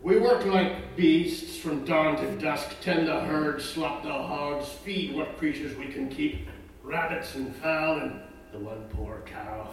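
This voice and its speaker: A man's voice: a little high, slow pace, a little hiss or hum. A man playing a coarse peasant farmer who talks in a blunt, crude, earthy way. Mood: bitter. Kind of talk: stage acting. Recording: roomy stage sound from far off.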